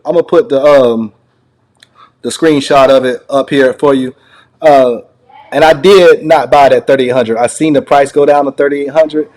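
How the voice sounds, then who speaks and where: The speaker is a channel host with a slightly mellow, mid-range male voice. He reacts to a recorded call in casual, unscripted commentary, conversational and rambling, often going back over the same phrases.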